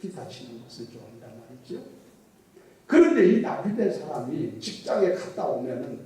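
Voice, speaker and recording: A man's voice: mid-range voice, big pitch swings, normal speed, warm tone. A middle-aged male pastor preaching a sermon, telling folksy stories with jokes and dialect impressions. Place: church sanctuary. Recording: distant mic in an echoey church hall.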